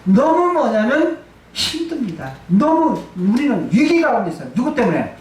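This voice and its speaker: A man voicing a troubled king who pleads that he is in deep distress. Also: big pitch swings, normal speed. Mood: pleading. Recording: echoey church hall, distant mic.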